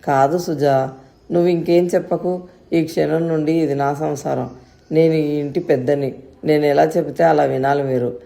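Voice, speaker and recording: A woman's voice: deep voice, steady tone, normal speed, vocal fry, dark tone. A woman voicing a kind, wealthy woman friend in a storybook reading, generous and insistent.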